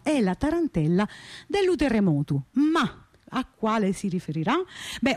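A woman's voice: medium pitch, warm tone, dry recording. A woman introducing songs as a radio host, chatty, with fillers and restarts. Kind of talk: radio music presentation.

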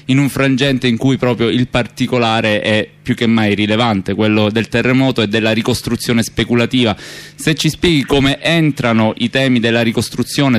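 A man interviewing for radio, asking long, winding questions full of pauses. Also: lowish voice, smooth.

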